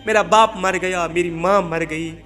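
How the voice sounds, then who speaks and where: A man preaching in a sermon voices a grieving, wronged young wife who pleads softly with repeated phrases. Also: high-pitched, fairly even intonation. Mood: pleading sorrowful. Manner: pleading, soft, repetitive.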